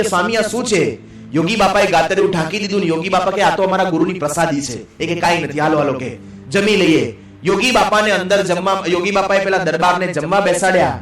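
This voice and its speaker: A man, a monk, telling a story in a sermon, quickly and briefly voicing the characters in lower tones. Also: a bit bright. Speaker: monk preacher. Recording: echoey hall, distant mic.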